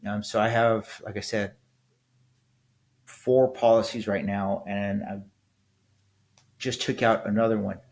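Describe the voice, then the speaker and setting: This fifty-something veteran runs a solo podcast, rambling in a blunt way, with frequent restarts and "right?" tags. His fairly low, darkish voice is flat and measured, with vocal fry and frequent pauses.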